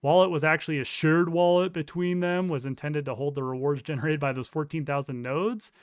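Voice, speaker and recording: A man's voice: a little high, fairly even intonation, brisk, clean tone, dry recording, clean studio sound. A man giving casual commentary while reading court documents aloud, with sarcastic, incredulous asides. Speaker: crypto news commentator.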